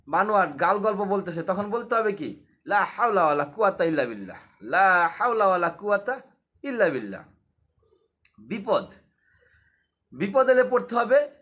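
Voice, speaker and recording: Bright high-voiced man teaching. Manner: explains with repetition and rhetorical questions. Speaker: Islamic teacher. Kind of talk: casual religious lesson.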